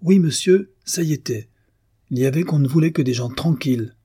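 A man's voice: fairly high pitch, fairly quick, dark tone, husky, voice pushed up. A man voicing an irate older landlady who scolds her tenants in a raised, indignant voice. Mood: scolding.

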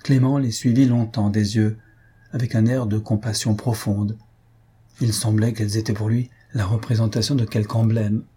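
A man reading a novel aloud in calm, measured audiobook narration. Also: on the low side, breathy edge. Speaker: audiobook reader.

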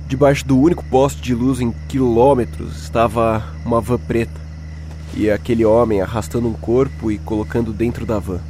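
With fairly even intonation and a mellow, mid-range voice close to his everyday speech, the man speaks at normal speed through a little hiss or hum. He portrays a shaken young Brazilian telling his own night-time horror story with suspense and acted dialogue, set to music, ominous and tense in mood.

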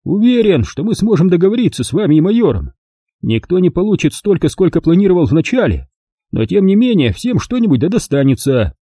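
A man voicing a sly young kidnapper who speaks in a soft, coaxing way. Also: high voice, big pitch swings, a little fast, slightly rough, no echo, studio quality, pitched above the performer's own voice, full character voice.

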